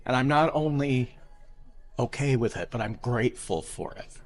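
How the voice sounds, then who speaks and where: A middle-aged man from Iowa, a drag performer speaking openly and earnestly in an interview, sometimes halting and restarting. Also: medium pitch. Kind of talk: candid interview talk.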